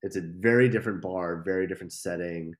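Animated young man telling a story. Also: sits low, fast talker. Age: young adult. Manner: animated, swearing, acts out quoted lines. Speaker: podcast guest. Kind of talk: casual storytelling.

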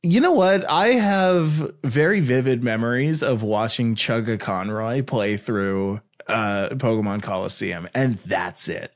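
A man's voice: mid-range voice, measured pace, few pauses. A man co-hosting a casual podcast, playful and goofy, joking around with his co-host. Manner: playful, goofy, hums tunes and jokes around.

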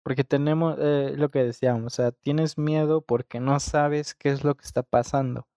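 A man's voice: mid-range voice, fairly even intonation, normal speed, warm tone, no echo. A man with a Mexican Spanish accent shares his views as a podcast co-host. His voice sits in a middle range and is recorded dry and close. He thinks aloud and uses many fillers. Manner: reflective, explains with many fillers. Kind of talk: casual chat.

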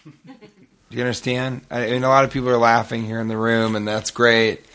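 A man's voice: medium pitch, little pitch movement, fairly quick, a bit bright. A man co-hosting a live comedy podcast in front of an audience, riffing crude absurd bits with mock indignation. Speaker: podcast co-host. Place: hotel room with live audience.

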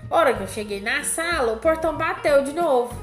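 A woman's voice: sits high, animated, fairly quick, reverberant, faint music behind. A woman, co-hosting a casual chat and telling a personal story with lots of drama.

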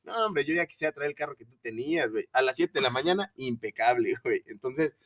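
A man's voice: medium pitch, fast, far from the mic. A young man with a Mexican Spanish accent, co-hosting a casual podcast chat, full of slang, acting out what his parents say. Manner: slangy, animated, acts out his parents' voices. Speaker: podcast co-host.

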